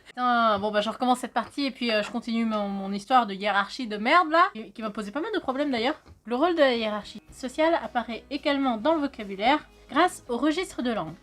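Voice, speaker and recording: Brief: bright high-pitched woman from France, casual vlog teacher, chatty, jokey, swears a bit. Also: quick pace, soft background music. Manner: chatty, swears, jokes with friend. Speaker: video host teaching Khmer.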